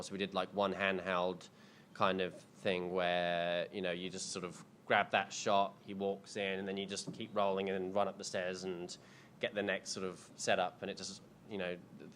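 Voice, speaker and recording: A man in his thirties, a filmmaker, rambles through audience questions at an indoor screening, full of ums and restarts in a casual panel Q&A. His voice sits low with a fairly bright tone, and a little hiss or hum runs under the recording.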